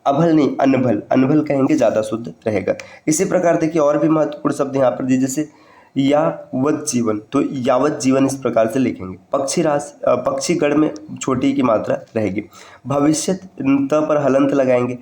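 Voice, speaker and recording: A man's voice: mid-range voice, darkish tone. Methodical male Hindi teacher, echoey room. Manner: methodical, repeats each word and its correct form; addresses students directly to remember points. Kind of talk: exam-prep spelling lesson.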